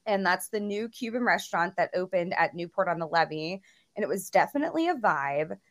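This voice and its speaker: A woman's voice: fairly low pitch, expressive, fairly quick, a bit bright. A woman co-hosting a casual food podcast, upbeat and chatty with lots of "like" fillers. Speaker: podcast co-host.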